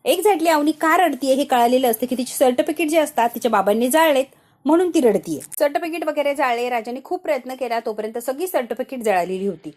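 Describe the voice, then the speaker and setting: High-voiced woman recapping a TV serial. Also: fast. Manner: animated storytelling that acts out the characters' lines. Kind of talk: casual retelling of a TV episode.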